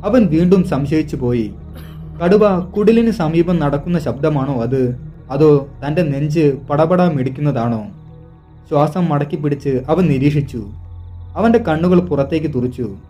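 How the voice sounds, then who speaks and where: A man from Kerala, India, narrating a scripted hunting story in a steady, suspenseful manner. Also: on the high side, measured pace, soft background music.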